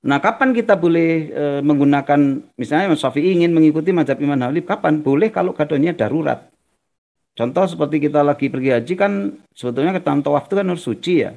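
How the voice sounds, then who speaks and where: A man's voice: mid-range voice, vocal fry, darkish tone. A man giving a religious talk over a video call, answering questions in a folksy way with everyday examples. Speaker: religious teacher. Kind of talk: online Q&A sermon.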